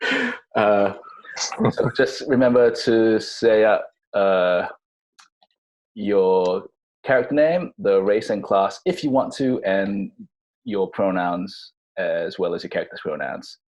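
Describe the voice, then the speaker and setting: A man hosting a tabletop game as dungeon master over a video call, relaxed and joking. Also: lowish voice, slow. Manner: relaxed, joking, hesitant fillers.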